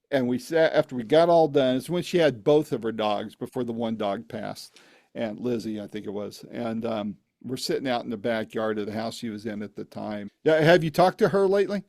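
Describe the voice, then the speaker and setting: A man's voice: mid-range voice, normal speed, gravelly, a little mellow, dry recording, clean studio sound. A man chatting casually as an interviewer, talking in a loose, rambling way.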